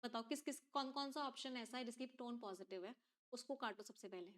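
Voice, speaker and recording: A woman's voice: fairly high pitch, a little fast, fairly bright tone. A woman teacher explains an exam passage step by step and keeps asking her class questions. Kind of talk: exam reading-comprehension lesson.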